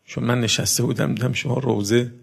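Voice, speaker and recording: A man preaching a sermon, swinging between loud emphatic outbursts and soft low passages, and asking his listeners questions directly. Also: flat delivery, vocal fry, slightly rough. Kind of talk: religious sermon.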